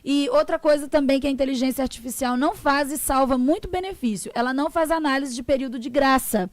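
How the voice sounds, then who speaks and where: A Brazilian social security lawyer, appearing as a guest on a talk show, explains matters didactically and acts out what her clients say. Her voice is high and quick, captured in a dry recording.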